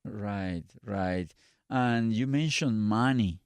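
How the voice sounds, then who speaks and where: A man's voice: lowish voice, slow pace, clean tone, no echo. Spanish-speaking man hosting an interview. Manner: searching for words, asking in short restarts. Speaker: podcast host. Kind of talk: casual interview.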